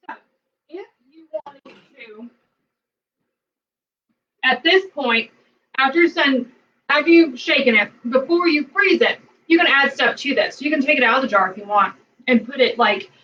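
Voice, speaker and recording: A woman's voice: a little high, a bit bright, recorded from a distance, dull audio. Chatty woman cooking, off-mic. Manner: chatty, rambling with many fillers. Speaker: cooking vlogger. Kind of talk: casual cooking demo. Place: home kitchen.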